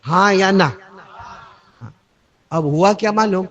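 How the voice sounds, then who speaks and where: A male religious preacher with a high, bright voice tells stories in an Urdu sermon to a congregation, recorded with dull audio. His delivery is dramatic, swinging from soft speech to shouting, and he quizzes the audience.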